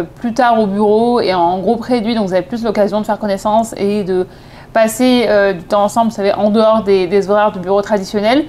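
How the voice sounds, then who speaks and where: A woman with a mid-range, darkish voice, in her thirties and from southeast France, tells personal stories with a French accent. It's casual storytelling to camera in vlog style, chatty and wandering, with frequent self-corrections.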